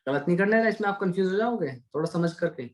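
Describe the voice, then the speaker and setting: A man with a voice that sits high, animated and quick, teaches an online maths class. Chatty and coaxing, he calls his students "beta" and asks questions only to answer them himself.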